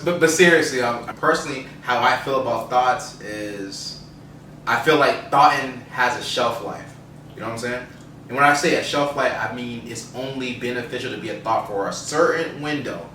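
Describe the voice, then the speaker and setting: A male podcast co-host with a bright, forward voice gives his opinions casually and emphatically. He sounds roomy and slightly off the mic, with faint background noise. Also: medium pitch, moderate pace, recorded from a distance.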